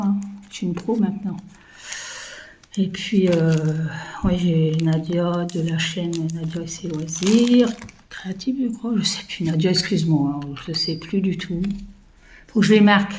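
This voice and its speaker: A craft vlogger in her fifties, with a lowish, darkish voice, chats casually to viewers as she works on a project. She rambles, uses lots of fillers, and mutters to herself, and the poor audio carries a little hiss or hum.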